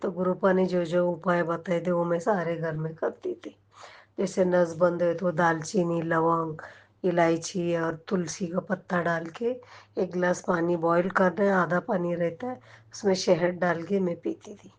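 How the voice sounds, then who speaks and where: A woman's voice: on the low side, flat delivery, unhurried. A middle-aged woman giving an emotional devotional testimony to a congregation, often turning to address her listeners directly.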